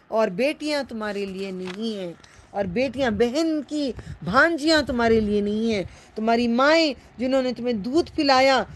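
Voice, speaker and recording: A woman giving a Quran commentary lesson as its teacher, impassioned and exhorting, repeating phrases for emphasis. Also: a little high.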